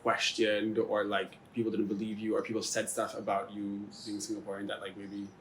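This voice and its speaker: A man's voice: on the low side, monotone, a little hiss or hum, poor audio. A young man hosting a casual chat at a dining table at home, asking questions. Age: young adult. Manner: quick questions, laughs along. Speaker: host. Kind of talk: casual interview.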